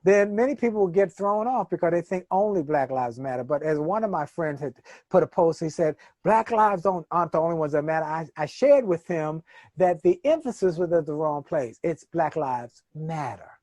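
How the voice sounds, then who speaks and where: A man's voice: a little high, lively intonation, brisk, a little mellow, dry recording. Emphatic middle-aged man, preacher-like cadence. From Washington, D.C. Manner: emphatic, preacher-like cadence with dramatic stresses and repetition. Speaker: motivational speaker, interview guest. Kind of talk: conversational interview storytelling.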